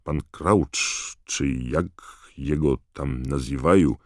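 Guy doing dazed young athlete, mutters, broken grammar, deep dry voice. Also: takes it slowly, no room sound. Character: young male foreign athlete, dazed and grumbling.

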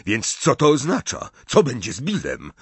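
A man voicing a shaken, gentle middle-aged father asking slow, pleading questions. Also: medium pitch, huge pitch swings, husky, no echo, pitched above the performer's own voice, heavily acted. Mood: anxious.

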